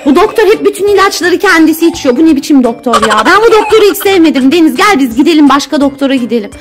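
A woman's voice: high-pitched, expressive, fast, background noise. A woman, a mother, narrating her children's doctor play in a coaxing, teasing way. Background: background music.

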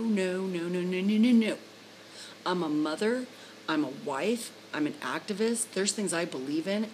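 A woman's voice: mid-range voice, slight background noise, low-quality recording. A middle-aged woman, a trucker's wife, ranting bluntly and profanely to her phone camera at home. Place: home room indoors. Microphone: phone camera held close.

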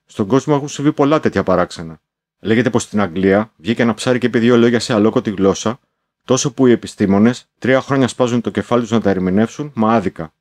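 A man's voice: mid-range voice, darkish tone, no room sound, clean studio sound. A man reading a novel aloud as a first-person diary, in a confiding, musing manner with exclamatory asides. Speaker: audiobook narrator.

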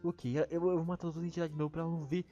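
A man with a Brazilian accent giving excitable Minecraft let's-play commentary, jumping to high-pitched yelps when alarmed. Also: very fast. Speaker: gaming YouTuber. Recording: dull lo-fi voice with faint music.

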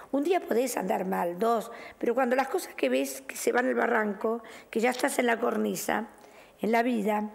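Gravelly Rioplatense woman reading tarot. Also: on the high side. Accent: Rioplatense Spanish. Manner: affectionate, chatty, calls caller "mi cielo", "querida". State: recovering from losing her voice. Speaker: tarot reader hosting a show. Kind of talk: on-air fortune-telling reading.

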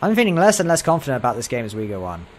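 A man's voice: medium pitch, sing-song, racing, slight background noise. A man in casual, jokey, exclamatory let's-play commentary while exploring a game. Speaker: game streamer.

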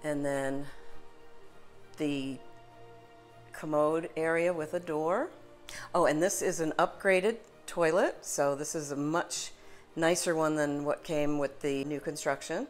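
A middle-aged woman with a low voice leads a home tour as a real estate agent, upbeat and salesy. She records on a phone held at arm's length. Faint music plays underneath. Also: takes it slowly, pauses often. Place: inside a house, then a kitchen. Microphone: phone camera, held at arm's length.

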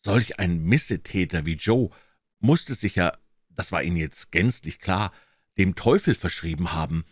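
A man reading a classic novel aloud as scripted narration, with expressive, dramatic storytelling. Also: low-pitched, a little slow, no echo, clean studio sound. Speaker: audiobook reader.

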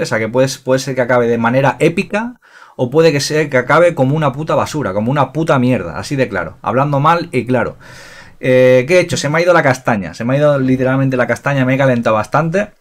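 A man giving casual, excitable gameplay commentary, swearing freely and filling pauses with fillers. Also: mid-range voice. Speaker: gaming youtuber.

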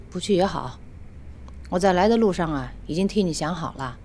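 An actress playing a blunt middle-aged lawyer in a TV drama who speaks her mind. Her voice is mid-pitched and lively, with faint background noise. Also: normal speed, natural voice. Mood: protective. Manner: forthright, indignant, bossy. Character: bossy middle-aged woman lawyer, protective. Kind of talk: television drama acting.

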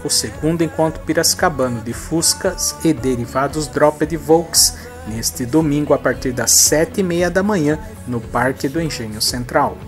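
A man in his thirties with a high-ish voice hosts a regional events show, speaking at a moderate pace with hardly any pauses. He reads listings and birthday greetings in an upbeat, friendly way on a headset mic, with soft music behind him. He's indoors against a plain bright wall.

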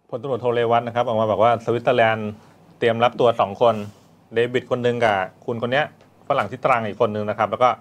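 A man's voice: medium pitch, steady tone, fast. A man hosting a news show, recapping a story in a casual, conversational way and reacting to his co-host.

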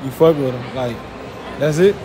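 A man's voice: mid-range voice, normal speed. A man running a casual street interview, teasing and slangy, laughing often, outdoors with traffic noise.

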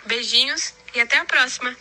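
A woman's voice: high voice, a little fast, bright, forceful tone. A woman voicing a mysterious, disembodied unseen voice that drops cryptic gossip hints in a teasing, theatrical way. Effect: disembodied voice heard without being seen. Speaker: recurring mystery-voice segment. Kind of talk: playful cryptic gossip teaser.

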